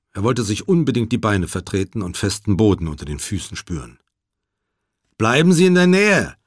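A man with a fairly low voice narrates a scripted audiobook in a measured, even storytelling manner. The recording is dry, with clean studio sound.

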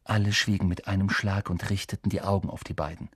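A man reading a story aloud in an animated storytelling manner. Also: sits low, quick pace, husky, dry recording, clean studio sound. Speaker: audiobook reader. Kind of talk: scripted narration.

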